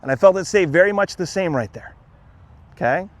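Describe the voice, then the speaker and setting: Relaxed man coaching putting outdoors. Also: high-pitched, brisk, dry recording. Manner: relaxed, repeats "okay?" and "again", restarts words. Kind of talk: on-course instruction, demonstrating.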